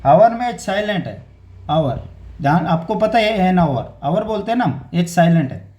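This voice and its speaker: A young man with a slightly raised voice runs a casual exam-coaching grammar lesson. He repeats key words and keeps checking that students follow with a steady "theek hai". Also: high-pitched, moderate pace.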